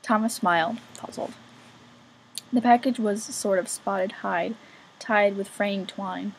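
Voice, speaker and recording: Lady reading a book chapter out loud, kinda gravelly, faint hiss behind. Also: mid-range voice, unhurried, rough recording. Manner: casual, swears and jokes at her own slips. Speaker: amateur audiobook reader. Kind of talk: reading a novel chapter aloud.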